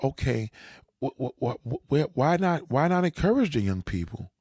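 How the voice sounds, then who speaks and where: In a reaction commentary, a man hands out blunt dating advice, lecturing, swearing, and repeatedly asking "you understand?" His mid-range voice swings widely in pitch at a moderate pace, sounding a little mellow with a breathy edge. The recording is clean studio sound with no echo.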